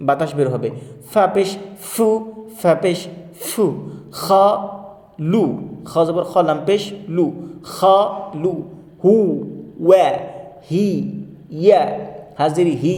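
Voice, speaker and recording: A man's voice: fairly high pitch, mellow. A man giving a spoken lesson on reading Quranic letters, patiently drilling sounds and asking viewers to repeat. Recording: roomy hall with long echo.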